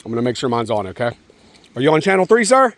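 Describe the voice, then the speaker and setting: Out at a rainy park, a father talks playfully to his little kid, keeping his words simple and encouraging and checking in often. He has a mid-range, sing-song voice and talks fast. The outdoor home-video recording is noisy.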